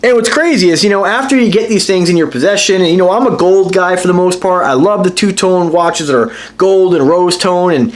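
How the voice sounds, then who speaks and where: The channel host, a man with a high-pitched voice, talks fairly quickly and barely pauses. Reviewing watches in a casual vlog, he addresses his audience directly as "guys," rambling eagerly with plenty of fillers and false starts.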